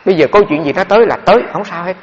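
A man's voice: sits high, expressive, rapid-fire. A Buddhist monk gives a dharma talk full of stories, and he speaks to his listeners directly and with animation. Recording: dull, echoey hall.

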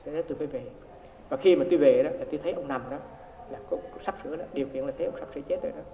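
A man's voice: a little high, racing, mellow, a little hiss or hum. A man, a Buddhist monk, giving a dharma talk as he tells a story, repeating words and acting out the quoted exchanges. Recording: echoey hall, dull lo-fi sound.

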